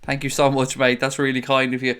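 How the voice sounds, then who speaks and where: Using a desk microphone, a man hosts a casual fan live stream, chatting amiably and greeting viewers by name. His mid-range voice is monotone and brisk, a bit bright, with a clear, resonant tone.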